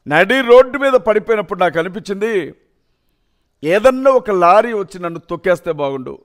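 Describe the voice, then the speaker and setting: High-voiced man giving an emotional testimony. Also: animated, fairly quick. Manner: earnest, emotional storytelling. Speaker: testimony speaker. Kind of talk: personal testimony.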